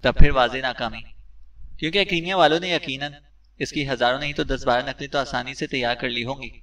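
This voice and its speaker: A man reading as a brisk male spy chief. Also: medium pitch, fairly even intonation, fairly bright tone, far from the mic, natural voice, low-quality recording. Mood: thoughtful. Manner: brisk and commanding. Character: shrewd male secret service chief giving orders.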